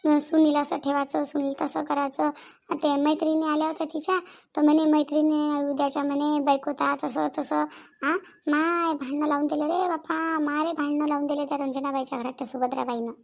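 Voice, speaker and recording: A woman's voice: high voice, level tone, brisk, gravelly. A woman voicing a gossipy older village woman in a cartoon, exclaiming and chatty, with a Vidarbha Marathi accent.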